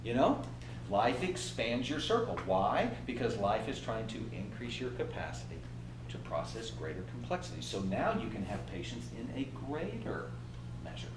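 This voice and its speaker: Animated fifty-something man coaching a group. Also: mid-range voice, roomy sound, distant mic, noisy background. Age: 50s. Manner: animated, acts out inner voices and laughs. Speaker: trainer. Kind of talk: motivational workshop talk.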